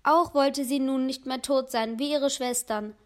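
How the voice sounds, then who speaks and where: A woman gently reading a children's story aloud in a measured storytelling manner. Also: sits high, fairly even intonation.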